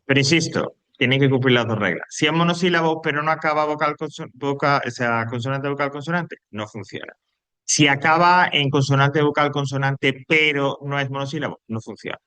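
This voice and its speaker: A man's voice: medium pitch, a little fast, sharp tone, clean tone, no room sound. A man recording an online English grammar lesson for Spanish speakers, patiently repeating each rule step by step. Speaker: English teacher.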